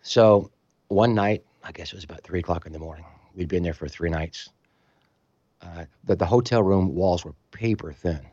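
A man telling a story in casual conversation, animated and acting out other people's voices, in a slightly muffled recording. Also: low voice, normal speed, no echo. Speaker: storytelling guest musician.

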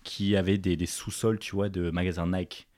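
A young man from Paris, an entrepreneur appearing as a podcast guest, recounts his journey in a casual interview chat. His male voice is low-pitched and moves at normal speed, relaxed but full of fillers and restarts, with no echo.

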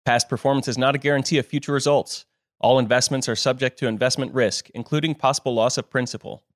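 A man announcer reading a scripted podcast outro and legal disclaimer in a formal, even manner. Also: medium pitch, fast talker, no room sound, clean studio sound.

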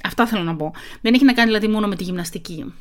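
A middle-aged woman who talks very fast, chatting casually and reading an article aloud, self-mocking and quick to laugh. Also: mid-range voice. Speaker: podcast host.

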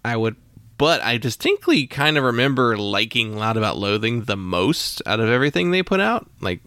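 A man hosting a podcast who talks in a relaxed, rambling way, laughing easily while chatting about music. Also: mid-range voice, normal speed, no echo, studio quality. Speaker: podcast host. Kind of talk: casual chat.

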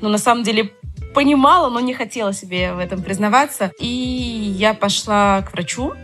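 Woman guest telling her own story, medium pitch, faint music in the back. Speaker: podcast guest. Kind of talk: personal storytelling in conversation.

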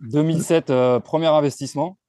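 Male interview guest, 40s; mellow, frank, hesitant, dry close recording. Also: a little high, brisk, dry recording. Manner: relaxed, frank, with frequent hesitations and restarts. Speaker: entrepreneur guest. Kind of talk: casual conversational interview.

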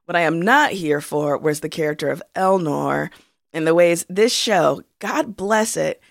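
Low-voiced woman podcasting, lots of slang and opinions, dry mic sound. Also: unhurried, vocal fry, no room sound. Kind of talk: casual chat.

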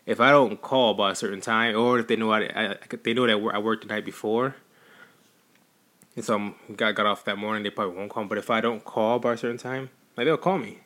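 A man's voice: on the low side, steady tone, fairly quick, sharp tone. A young man co-hosting a casual podcast, rambling through personal examples with lots of filler words. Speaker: podcast co-host. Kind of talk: casual conversation.

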